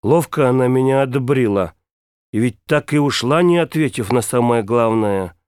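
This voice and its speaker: A man's voice: mid-range voice, expressive, normal speed, darkish tone, clean tone, no room sound, clean studio sound. A man reading a first-person literary story aloud, ironic and declamatory, rambling through his thoughts. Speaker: audiobook narrator.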